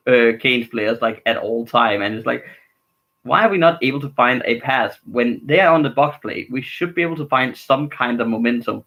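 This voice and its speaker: A man's voice: medium pitch, fairly bright tone, rough recording. Male streamer, casual live hockey reactions, rambling and frustrated with his team, mid-range voice. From Denmark.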